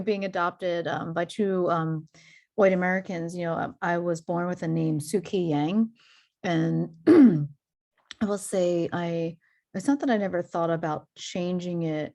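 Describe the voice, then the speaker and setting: A woman's voice: fairly low pitch, warm tone. A woman on a panel over a video call, talking candidly and personally in a conversational way.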